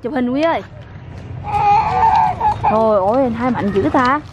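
A high-pitched woman hosts a casual family vlog outdoors. She playfully coaxes the children and makes asides to her viewers. Clear street noise runs behind her. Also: a little slow, highs cut off. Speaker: vlog host filming family.

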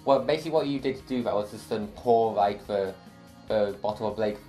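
Young man, lowish voice, hesitant, lots of fillers, echoey room, faint music. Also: fairly quick, warm tone. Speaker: co-filmmaker, guest. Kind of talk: casual behind-the-scenes chat. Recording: roomy echo, faint music.

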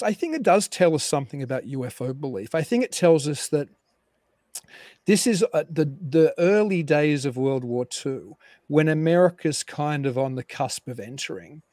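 A man guest historian explaining at length on a live call-in show, animated and digressive with frequent restarts. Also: on the high side, no room sound, clean studio sound.

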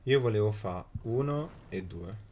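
This man's lowish voice is warm and expressive, and he speaks at a measured pace while emphatically calling a live mobile game. As a streamer in a small indoor room, he repeats phrases and swears out of exasperation.

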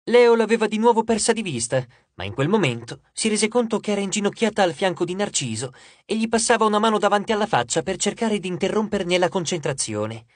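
A man narrating an audiobook chapter with expressive, measured storytelling. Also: sits high, no room sound. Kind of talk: scripted narration.

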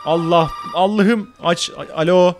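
A man giving excited gameplay commentary, loud and joking, swearing and talking back at the screen. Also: sits high, unhurried, faint music behind. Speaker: gamer.

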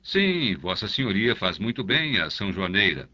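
A man's voice: on the low side, sing-song, normal speed, bright, forceful tone, dull audio, heavily acted. A man voicing a servile, timid curate in an audiobook, speaking deferentially. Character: servile timid middle-aged male curate. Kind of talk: audiobook character voice.

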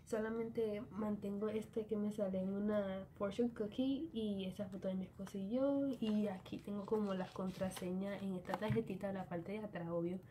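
A woman's voice: medium pitch, fairly even intonation, moderate pace, hardly any pauses. A young Dominican woman talks casually through her planner in a small bedroom, slipping English words into her Spanish. She records on a phone held close, with a faint hiss behind her. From Dominican Republic. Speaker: vlogger. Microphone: phone camera at arm's length.

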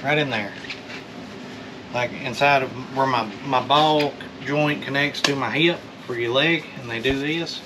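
A man's voice: medium pitch, a little slow. A man in his thirties chatting casually to a camera as a vlog host, joking and teasing in a folksy way. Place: inside a metal storage unit. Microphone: camera a few feet away. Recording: noisy, distant from the mic.

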